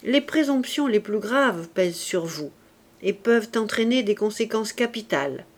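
A woman voicing an attentive, kindly male court president who speaks in a measured, formal way. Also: mid-range voice, lively intonation, lightly acted. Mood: grave.

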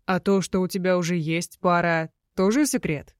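A woman's voice: fairly low pitch, fairly even intonation, moderate pace, no room sound, clean studio sound, natural voice. A woman reading an audiobook and voicing an intense, jealous young werewolf man who keeps pressing with questions. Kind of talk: audiobook character voice.

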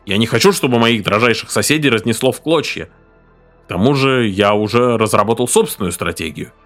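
A boastful farmer father blusters and roars, his voice leaping well above the narrator's own, as a man acts him out. He keeps things lively and showy, with faint music behind the storybook. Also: medium pitch, a little fast, lightly acted. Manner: blustering, shouting, then whispering.

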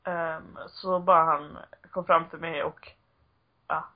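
A woman's voice: low-pitched, steady tone. A woman in her twenties telling stories in a casual podcast chat, full of fillers. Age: 20s. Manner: chatty storytelling with frequent fillers and laughs. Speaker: podcast co-host. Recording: dull lo-fi old recording.

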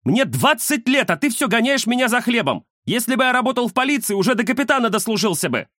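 Guy playing a high whiny 20yo, sulky, bouncing all over the place. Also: very animated, fast talker, bright, forceful tone, dry recording, clean studio sound, heavily acted. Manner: sulky, complaining. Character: whiny twenty-year-old young man.

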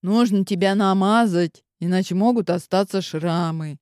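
Calm patient young wife, as a man reads her. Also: sits high, moderate pace, clean tone, no room sound, studio quality, lightly acted. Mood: weary, calm. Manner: calm, weary. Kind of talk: audiobook narration.

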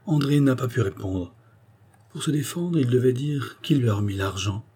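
A man's voice: medium pitch, lively intonation, moderate pace, dark tone, breathy edge, pitched above the performer's own voice. A man reading a novel aloud, voicing a distressed young woman who pleads earnestly for her brother. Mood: anxious pleading.

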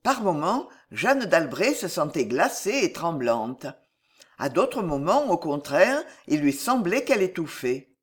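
An audiobook narrator reads a historical novel slowly and with a measured touch. The pitch moves widely from phrase to phrase, giving the reading plenty of life. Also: breathy edge. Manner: measured, expressive.

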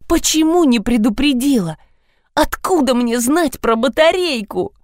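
A woman's voice: high-pitched, lively intonation, measured pace, dry recording, clean studio sound, voice pushed up. A woman putting on a whiny teenage girl. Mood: tearful. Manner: whiny, dramatic.

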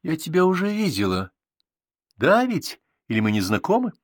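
A frail, nervous old aunt voiced by a man speaks quietly, in a high, fretful voice. She sounds easily frightened and fussy. The storybook sound is dry and close. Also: wildly swooping pitch, normal speed, no echo. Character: frail, nervous sick aunt, older woman.

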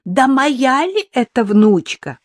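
A narrator voicing a spiteful elderly mother-in-law who scolds in a shrill, outraged voice. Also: sing-song, takes it slowly, dry recording, studio quality, exaggerated voice. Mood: venomous. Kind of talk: audiobook character voice.

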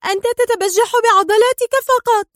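A woman's voice: very high voice, fairly even intonation, a little fast, no echo, voice pushed up. A woman voicing a furious, scheming female spy who shrieks in hysterical anger, close to tears. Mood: shrieking furious.

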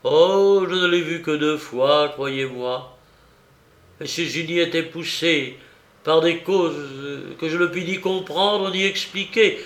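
A man doing a desperate lovesick young man, begging. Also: fairly high pitch. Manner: loud, broken, begging. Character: desperate young man in love with a dead woman. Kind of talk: audiobook reading. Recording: roomy echo.

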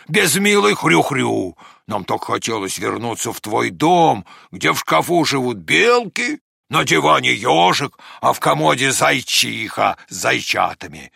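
A man doing a gravelly homesick crocodile. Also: medium pitch, pushed and bright, no echo, studio quality, exaggerated voice.

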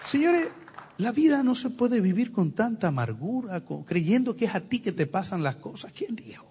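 A man preaching a sermon, telling lively, humorous stories with acted-out quotes. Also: high-pitched, normal speed, a faint crowd, slight background noise.

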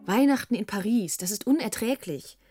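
An actress as an exasperated, reproachful lover. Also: female voice, mid-range voice, expressive, moderate pace, over loud music, close to an everyday voice. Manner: reproachful, rising. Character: exasperated young woman scolding her lover. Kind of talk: radio play acting.

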